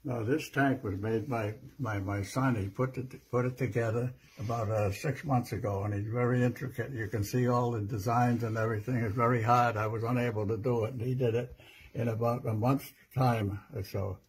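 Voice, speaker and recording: An elderly American man, an old veteran remembering his service in a plain, halting way. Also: medium pitch, fairly even intonation, a little hiss or hum, low-quality recording. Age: 80s or older. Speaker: World War II veteran. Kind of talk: personal reminiscence.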